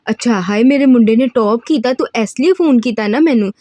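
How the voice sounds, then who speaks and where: A woman's voice: fairly high pitch, normal speed, warm tone, dry recording, natural voice. A woman voicing a rustic, scolding Punjabi mother with a Punjabi accent and a thickened voice in an audiobook reading of a novel.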